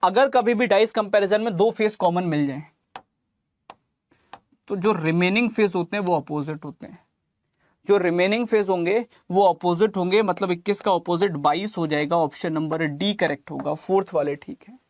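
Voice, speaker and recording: In an online exam coaching lesson, a man with a high voice speaking at normal speed teaches reasoning, solving calculations step by step. He affectionately calls his students lalla and mere lal and sprinkles English terms into his speech.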